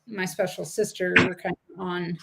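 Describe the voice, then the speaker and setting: Woman, livestream coin seller, gravelly voice, chatty and rambling. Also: fairly low pitch, flat delivery, normal speed, crowd noise. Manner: chatty, laughs easily, rambling asides. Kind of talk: casual livestream chat.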